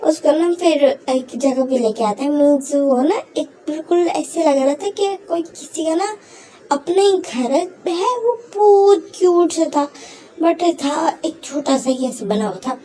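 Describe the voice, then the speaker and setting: A high-pitched, mellow female narrator speaks a little slowly while casually recounting fan fiction. Fillers come often, and she briefly performs each quoted line, though the audio is poor.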